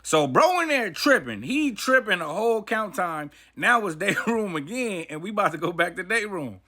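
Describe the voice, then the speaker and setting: A man's voice: high-pitched, big pitch swings, moderate pace, sharp tone. A man telling a personal story in a casual, profane, slang-heavy way. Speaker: vlogger. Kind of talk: storytime monologue.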